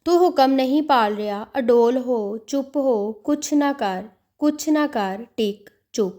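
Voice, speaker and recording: A woman's voice: high-pitched, lively intonation, a little slow, warm tone. A woman voicing a devout man who pleads with and scolds his own restless mind in an inner monologue. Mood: scolding.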